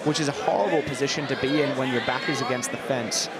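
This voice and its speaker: A man's voice: mid-range voice, quick pace. A man giving conversational, analytical colour commentary on a live mixed martial arts fight. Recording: loud crowd noise behind commentary. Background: noisy fight crowd.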